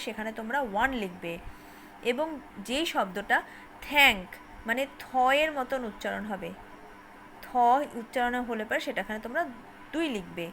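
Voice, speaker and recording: A woman teacher gives an online class. She speaks slowly, repeats words and spells letters out loud. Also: fairly high pitch, slight background noise. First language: Bengali. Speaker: school English teacher.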